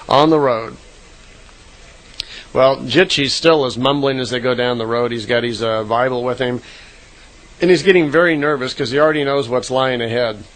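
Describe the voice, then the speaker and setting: A man's voice: medium pitch, a bit bright, rough recording. Rambling man retelling a story. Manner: rambling retelling with fillers and self-corrections. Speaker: radio guest retelling a contact story. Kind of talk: casual spoken storytelling.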